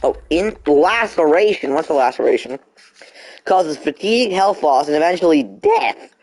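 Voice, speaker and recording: A man's voice: on the high side, lively intonation, normal speed, darkish tone, soft background music. A young man streaming a game, chatting casually and talking back to the game in mock frustration. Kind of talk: casual live gameplay commentary.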